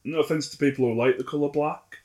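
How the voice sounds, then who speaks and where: A man co-hosting a casual sports podcast, wry and dry, often trailing off quietly. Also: on the high side, steady tone, fast. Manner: dry, wry, drops volume at sentence ends. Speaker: podcast co-host. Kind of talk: casual chat.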